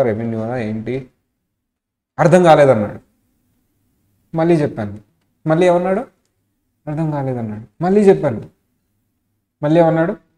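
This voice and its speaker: Male lecturer with a Telugu accent, mid pitch, classroom delivery, asks questions and acts out quick scenes. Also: darkish tone. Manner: mixes English into his talk, asks the class questions. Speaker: auditing lecturer. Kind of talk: classroom lecture with acted examples.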